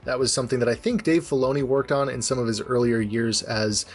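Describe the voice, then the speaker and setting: A man's voice: medium pitch, steady tone. Casual male toy reviewer. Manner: chatty, detailed, measured.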